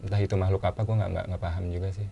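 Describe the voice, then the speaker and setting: A man with a casual way of talking, telling his own story as a guest in a relaxed chat and repeating phrases for emphasis. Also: deep voice, rapid-fire, vocal fry, dull audio, a little hiss or hum.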